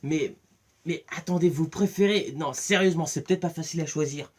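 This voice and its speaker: A talkative man giving a casual, rambling spoken review, excitable and full of restarts. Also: a little high, brisk. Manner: chatty, rambling, many restarts and fillers; excitable, acts out scenes with voices. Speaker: film and series reviewer.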